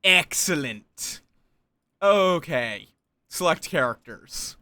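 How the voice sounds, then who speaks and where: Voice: medium pitch, animated, slow, pushed and bright, no room sound. A game streamer and storyteller chatting casually with friends and viewers, playful, with little sing-song interjections. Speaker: streamer and game storyteller running an online social deduction game.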